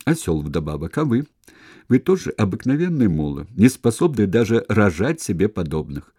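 A loud, gleeful slave full of mockery and boasts, as a low-voiced male reader puts him on. He jumps high and low in pitch with every taunt, the voice dark and dry. It sounds like a storybook read aloud. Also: very animated, normal speed, slightly rough, no echo. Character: cheeky jolly male slave, mocking and boastful.

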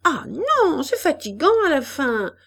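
Petulant bored teenage girl, read by a woman, whiny complaints, high and lively. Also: a little slow. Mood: sulky.

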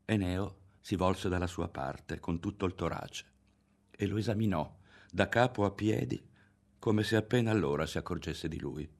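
A man reading a literary novel aloud as an audiobook narrator, in a measured and expressive manner. His voice sits very low and carries a gravelly rasp. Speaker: audiobook reader.

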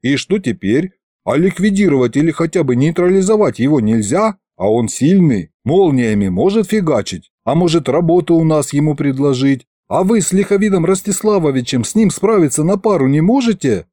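A man's voice: a little high, lively intonation, normal speed, dark tone, no echo, voice pushed up. A man voicing the wry, teasing young hero of the story.

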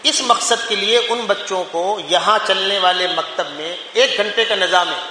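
A man's voice: high-pitched, bright, forceful tone, slight background noise. A man from India preaching a fervent Urdu sermon in a mosque, full of rhetorical questions and repeated phrases. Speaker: mufti preacher. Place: mosque hall. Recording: echoey mosque hall with long reverb.

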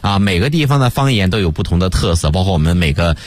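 A man, an English teacher, chatting as a guest on a radio talk show and telling lively stories. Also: low voice, fast talker, no room sound. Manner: lively storyteller, mimics English accents. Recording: dry studio radio mic.

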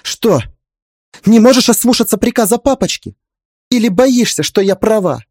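In an audiobook, a high, strained voice plays a fierce young pregnant woman, pleading and insisting through tears, as a man puts her on. The delivery is sharp-edged against a dry, close sound. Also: animated, normal speed, dry recording. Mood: angry pleading. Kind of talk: audiobook character reading.

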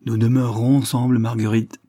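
Older colonel, frank, hearty, emphatic, read by a man, husky, dark tone. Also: medium pitch, flat delivery, a little fast, dry recording, studio quality, lightly acted.

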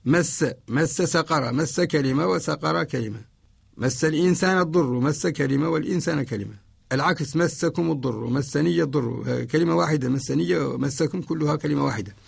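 A man from Mauritania, an Islamic scholar, giving a radio lesson on Quranic spelling in a measured, repetitive explaining manner with slowly recited examples. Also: fairly high pitch, creaky, slightly rough, dry recording, clean studio sound.

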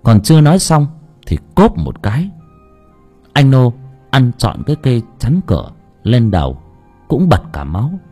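A man's voice: medium pitch, very animated, normal speed, long pauses, mellow, husky. A man narrating an audiobook story dramatically. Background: faint music.

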